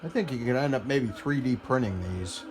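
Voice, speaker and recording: A radio repair hobbyist presents a video from his repair bench, giving informal hands-on commentary and thinking aloud as he works. He speaks briskly at a medium pitch, and the recording has clear background noise.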